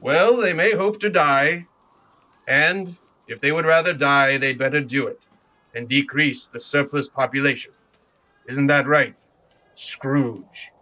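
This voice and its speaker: A man's voice: medium pitch, slow, sharp tone, highs cut off. A man playing a mocking, grandiloquent ghost in an audio play, declaiming his insults in a theatrical way. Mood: grave, accusing. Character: scornful, theatrical male Ghost of Christmas Present.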